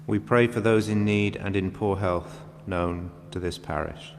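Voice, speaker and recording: A man reading prayers of intercession in a solemn, measured liturgical style inside a reverberant church. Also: fairly low pitch, steady tone. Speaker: reader of intercessions. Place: large reverberant church, indoors. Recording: long church reverb, background hum.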